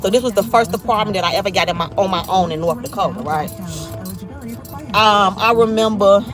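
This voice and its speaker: A woman's voice: medium pitch, brisk, over music. A woman in her thirties from Chicago with a Chicago accent, chatting bluntly and profanely on a livestream while she drives, reading viewers' comments aloud. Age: 30s. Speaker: livestreaming vlogger. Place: in a car.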